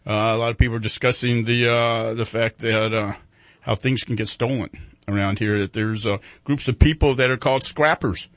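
A man's voice: medium pitch, fairly even intonation, normal speed, no echo. Man hosting live morning radio, dry studio sound. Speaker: radio show host. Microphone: studio broadcast microphone.

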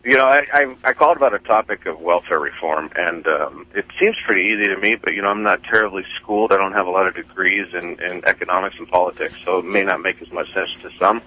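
Low, bright-voiced man on the phone. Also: quick pace, few pauses. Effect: over the phone. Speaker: caller. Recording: dull phone line.

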